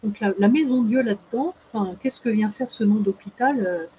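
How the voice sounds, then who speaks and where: A woman with a mellow, relaxed voice explains at length as a guest expert. She hesitates a lot, filling gaps and restarting her sentences. A faint noise sits under the recording. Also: medium pitch, moderate pace, low-quality recording. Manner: hesitant, many fillers and restarts. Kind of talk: casual explanatory talk.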